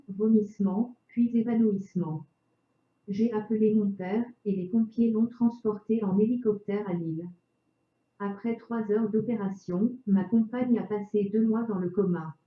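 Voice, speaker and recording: A chipper text-to-speech woman's voice reading a scripted self-introduction narration with evenly articulated, machine-made delivery. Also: mid-range voice. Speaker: video narrator. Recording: roomy echo, dull lo-fi sound.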